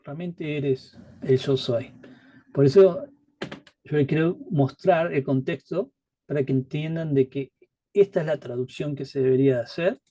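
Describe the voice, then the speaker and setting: A man's voice: on the high side, moderate pace, warm tone, no room sound. A man leading a live Bible study, talking conversationally, asking rhetorical questions and acting out quotes.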